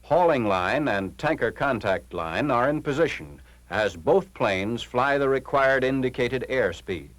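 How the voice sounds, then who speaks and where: Narrating a 1940s military training film, an American man speaks in a formal, clipped, instructional style; his medium-pitched voice is animated and a bit bright, at a measured pace with few pauses. There's no room sound, but the noisy film soundtrack carries an engine-like hum.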